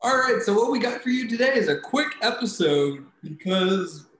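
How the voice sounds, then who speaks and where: A man's voice: high voice, lively intonation, moderate pace, fairly bright tone. A man co-hosting a podcast in a casual, playful and rambling way. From Philadelphia area. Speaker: podcast co-host. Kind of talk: casual chat. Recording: roomy echo with faint background hiss.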